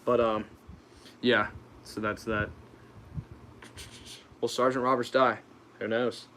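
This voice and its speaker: A man's voice: mid-range voice, level tone, slow, fairly bright tone, a little hiss or hum. A young American man hosting a casual livestream Q&A, informal and hesitant, reading questions out and answering them off the cuff. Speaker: YouTube channel host.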